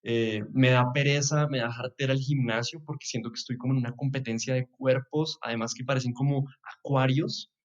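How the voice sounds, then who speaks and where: A man's voice: medium pitch, steady tone, a little fast, hardly any pauses, dull audio. A young man from Bogotá with a Bogotá Colombian accent, a podcast guest chatting in a reflective way and chuckling now and then. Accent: Bogotá Colombian Spanish. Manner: reflective, chuckles often, trails off with soft asides. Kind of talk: casual chat.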